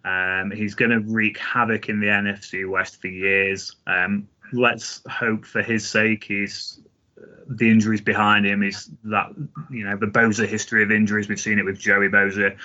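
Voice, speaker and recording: A man's voice: fairly low pitch, little pitch movement, moderate pace, sharp tone. A man on a sports podcast giving American football draft analysis as a panelist. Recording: slightly dull, lo-fi podcast audio.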